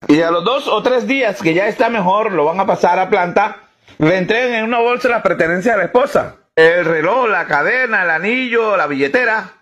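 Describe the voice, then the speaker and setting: A man's voice: sits high, expressive, a little fast, fairly bright tone. A man telling jokes in a storytelling manner, chuckling at his own punchlines. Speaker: joke teller.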